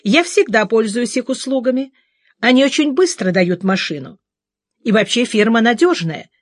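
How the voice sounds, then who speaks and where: Audiobook: woman doing a courteous, commanding middle-aged gentleman, lowered and dry-sounding. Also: lively intonation, moderate pace, dry recording. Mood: brisk, courteous. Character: gruff polished middle-aged male neighbor. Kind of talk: audiobook character voice.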